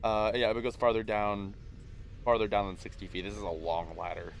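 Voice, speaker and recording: Halting Midwestern man running a tabletop game. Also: on the low side, level tone, vocal fry, slight background noise. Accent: Midwestern American. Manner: halting, many fillers and restarts. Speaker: game master. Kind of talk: narrating a tabletop game stream.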